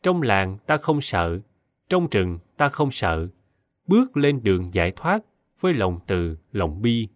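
A man voicing a calm, fearless male ascetic sage who speaks in a serene, gently instructive way. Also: fairly low pitch, unhurried, no room sound, studio quality.

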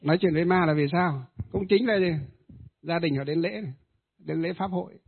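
A man, a Buddhist ritual master, tells a ghost story in a hesitant way, with many filler pauses. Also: on the high side, vocal fry, slightly rough. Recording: tinny phone-like audio.

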